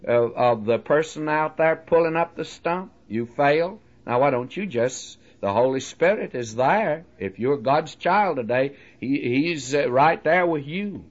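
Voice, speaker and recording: A man preaching a sermon, pressing his listeners with direct questions and homely everyday illustrations. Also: fairly high pitch. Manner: homely illustrations, folksy delivery. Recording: dull lo-fi recording.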